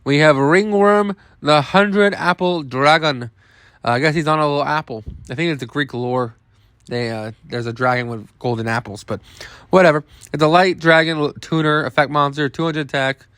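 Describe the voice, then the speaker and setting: A young man hosts a card game video, reviewing cards casually and thinking out loud, restarting often and swearing now and then. His voice is on the high side, a bit bright, at a normal speed, with no room sound.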